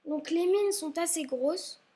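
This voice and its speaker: A woman's voice: very high voice, unhurried, background noise. A young woman vlogging at home and chatting about her school supplies, rambling and often apologizing, a little ill and maybe stuffy-nosed. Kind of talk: casual chat showing school supplies. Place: at home, indoors.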